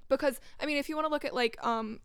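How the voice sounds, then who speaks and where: A woman's voice: sits high, fast, fairly bright tone, no room sound, clean studio sound. A nineteen-year-old college woman in a casual student discussion, speaking hesitantly and hedging her points. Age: about 19. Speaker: student panelist.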